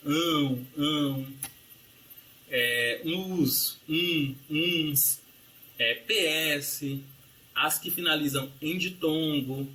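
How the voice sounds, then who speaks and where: Bright-voiced man teaching grammar. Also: on the high side. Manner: explanatory, frequent tag questions like "né?" and "ok?"; lists rules and word examples. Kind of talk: recorded grammar review lesson.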